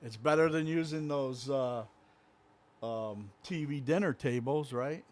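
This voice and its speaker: Man, middle-aged, rambling easygoing chat, local talk show co-host, medium pitch. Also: unhurried, a little mellow. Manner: rambling, easygoing, many fillers. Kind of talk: casual chat.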